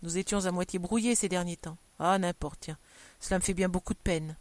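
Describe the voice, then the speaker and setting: A woman reading aloud, voicing a busy, self-important husband who gives orders and turns sentimental, without lowering her voice much. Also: steady tone, fairly quick, no room sound, close to an everyday voice. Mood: tearful. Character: bustling, self-important husband, adult man.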